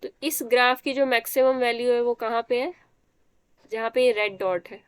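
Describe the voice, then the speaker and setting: A woman's voice: on the high side, steady tone, normal speed, smooth, no echo, studio quality. A young woman teaching a math class, explaining step by step and quizzing students as she goes. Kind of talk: live online math class.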